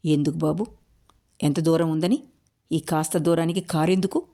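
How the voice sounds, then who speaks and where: A woman's voice: deep voice, fairly even intonation, normal speed. Woman voicing a kindly old village man. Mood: gentle. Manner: soft, pitying speech.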